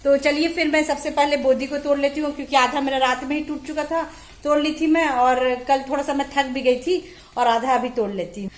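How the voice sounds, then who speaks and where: Fast-talking chatty woman. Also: high-pitched, fairly even intonation. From Jharkhand, India. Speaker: home vlogger. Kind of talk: casual chat to camera. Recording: echoey room with faint music.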